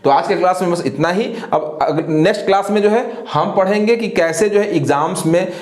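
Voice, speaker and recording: Slow and deliberate, this male teacher works through English grammar by asking questions he then answers, frequently spelling words one letter at a time and repeating the same filler phrases. His voice sits high and a little mellow, in a roomy-sounding space.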